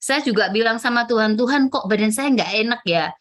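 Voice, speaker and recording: A woman shares a church testimony in a chatty, storytelling way. She often pauses on fillers and acts out her own remembered words. Her voice is bright and clear and sits somewhat high. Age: 40s. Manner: chatty storytelling with fillers and acted self-quotes. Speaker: testimony speaker at prayer fellowship.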